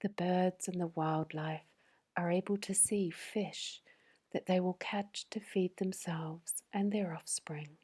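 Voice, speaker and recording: Woman, breathy whisper, sleep meditation guide, very slow, low and mellow delivery. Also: steady tone. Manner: slow, soothing, gentle.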